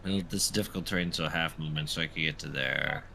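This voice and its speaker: A man's voice: a bass voice, quick pace, creaky, sharp tone. A man talking casually as a tabletop game player, explaining his moves, with background noise behind him.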